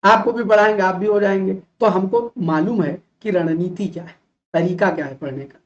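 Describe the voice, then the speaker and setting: A male teacher from Uttar Pradesh giving an animated classroom lecture, full of rhetorical questions and mock imitations of students. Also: high-pitched, normal speed, lo-fi sound. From Uttar Pradesh, India.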